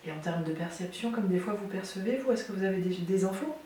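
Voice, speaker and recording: A woman's voice: mid-range voice, animated, fast talker, warm tone. A woman leading a paranormal session in French-style casual talk, putting probing questions to those around her. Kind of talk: casual spoken questioning during a spirit session. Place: echoey indoor room in an old house. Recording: distant, very echoey, hissy.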